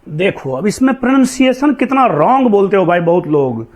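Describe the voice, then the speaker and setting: A man's voice: high-pitched, sing-song, moderate pace. A man teaching an English grammar class, drilling pronunciation word by word and correcting common mistakes.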